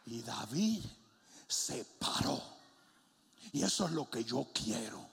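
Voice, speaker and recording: A middle-aged man preaching a sermon in a large church, telling funny stories and then shouting as he builds. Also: mid-range voice, animated, slow pace, vocal fry, background noise. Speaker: pastor. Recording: long hall reverb.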